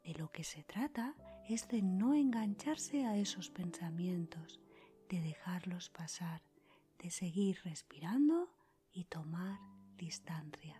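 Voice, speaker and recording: Music plays underneath as a woman with a lowish voice delivers a scripted guided meditation in a whisper, hosting a podcast. The soft, breathy, calm phrases are short, with pauses left between them.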